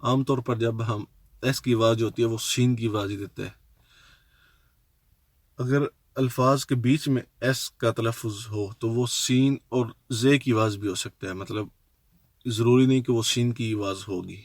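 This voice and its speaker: A man's voice: medium pitch, steady tone, unhurried, dry recording. A man hosting his own casual language tutorial, patiently spelling out letters one by one and leaning on fillers. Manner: leans on fillers and restarts. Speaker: language teacher, channel host. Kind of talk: casual home-made tutorial.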